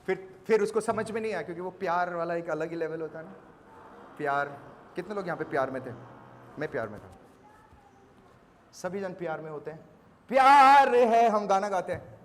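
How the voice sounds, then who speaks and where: A man's voice: a little high, a little fast, pauses often, slight background noise. A male pastor delivering a sermon with emphasis, acting out conversations and slipping English phrases into his preaching. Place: church service in a rented hall. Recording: long hall reverb.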